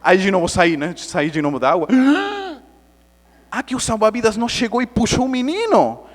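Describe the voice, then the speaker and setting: A man giving a Spiritist lecture as a lively story, acting out scenes with sound effects. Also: sits high, fast. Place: lecture hall. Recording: long hall reverb.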